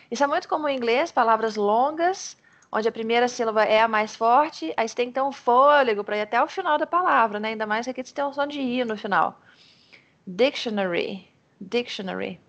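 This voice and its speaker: Brazilian teacher lady on a video call, kinda high voice, says words slow again and again. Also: lively intonation, fairly bright tone, muffled recording. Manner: encouraging, repeats words slowly to model pronunciation. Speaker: English teacher. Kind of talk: online pronunciation lesson in Portuguese.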